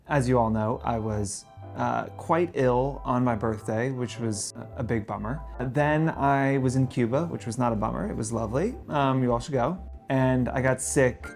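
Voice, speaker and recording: A man hosting a solo talk show and answering questions point by point, his speech slightly impeded by missing back teeth and stitches. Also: mid-range voice. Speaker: podcast host.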